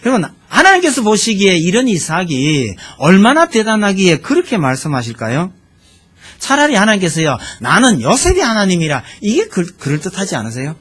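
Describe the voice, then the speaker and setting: A male pastor delivers a sermon in a chatty, conversational way, often turning to ask the congregation questions. His voice sits a little high and swings through a wide, animated range of pitch. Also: fairly quick, husky. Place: church sanctuary.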